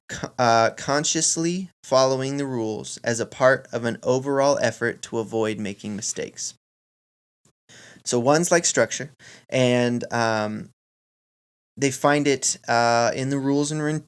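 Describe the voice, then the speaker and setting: A man hosting a podcast solo, explaining things informally in measured phrases and addressing listeners directly as friends. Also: mid-range voice, clear, resonant tone. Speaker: podcast host.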